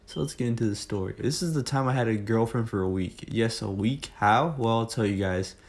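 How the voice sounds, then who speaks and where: Young male vlogger, storytime, lowish voice, chatty and rambling. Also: a little fast, a little mellow. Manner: chatty, jokey, rambling with fillers. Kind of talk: casual storytelling.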